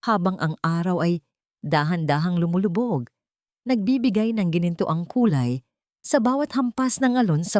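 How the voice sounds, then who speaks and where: In clean studio audio free of room sound, an audiobook narrator with a Filipino accent reads a dramatic scripted story. She has a lowish, mellow voice.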